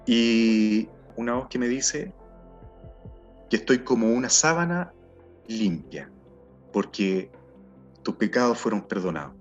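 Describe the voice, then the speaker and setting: A man's voice: medium pitch, expressive. Earnest Chilean man giving testimony. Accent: Chilean Spanish. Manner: earnest, halting storytelling with repeated words. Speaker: testimony speaker. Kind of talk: personal testimony. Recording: dull sound with faint music behind.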